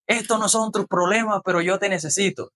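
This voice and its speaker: A man's voice: high voice, fairly even intonation, fairly quick, pushed and bright, pitched above the performer's own voice. A male preacher voicing a blind beggar who cries out for mercy, in a raised, pleading voice. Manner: pleading, crying out.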